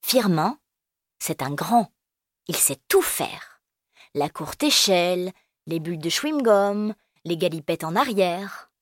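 Woman reading a kids' story, slow and gentle, dry close sound. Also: fairly low pitch, animated, dry recording.

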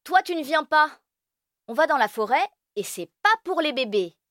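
A woman's voice: high voice, animated, moderate pace, fairly bright tone, dry recording, clean studio sound, voice pushed up. A woman voicing a bossy, proud older boy who scoffs at the little ones. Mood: scornful. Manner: scoffing, dismissive.

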